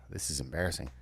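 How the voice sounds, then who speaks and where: A man's voice: a bass voice, gravelly, fairly bright tone, husky. A man co-hosting a podcast, laid-back and hesitant, full of "uh"s, swearing casually. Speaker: podcast co-host. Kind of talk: casual chat.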